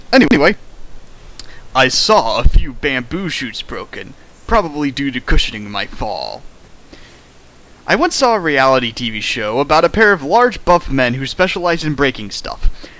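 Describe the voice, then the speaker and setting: In a rough recording, a man with a fairly bright, mid-range voice reads a fan fic for his stream as a comedic dramatic performance. He riffs along, slipping into sarcasm and abrupt sing-song bits.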